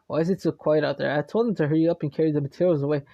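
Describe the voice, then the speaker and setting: A man reading the part of a rude, impatient male thug in a gruff, dismissive way, over game music. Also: fairly high pitch, fairly even intonation, very fast, warm tone, no echo, muffled recording. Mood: annoyed.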